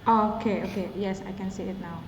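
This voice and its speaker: A woman's voice: mid-range voice, steady tone. Woman on a screen-recorded video call. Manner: halting, with restarts and tag words. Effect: video call audio in a screen recording. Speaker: presenter at a company meeting. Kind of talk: online meeting presentation. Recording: echoey, muffled call audio with faint hiss.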